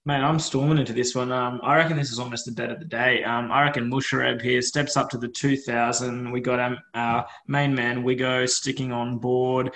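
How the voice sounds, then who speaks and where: An Australian man with a mid-pitched voice chats through horse racing analysis as a co-host. He is informal, offering his picks as personal hunches. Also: little pitch movement, a little fast, hardly any pauses, fairly bright tone, rough recording. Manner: informal, hedging with "I think" and "I reckon". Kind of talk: casual racing analysis chat.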